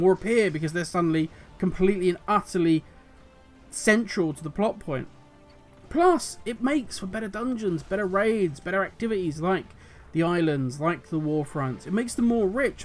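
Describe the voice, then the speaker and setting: Here a man with a high, hoarse voice, going hoarser as he goes, hosts a solo video commenting on game lore. His manner is passionate and rambling as he muses to himself.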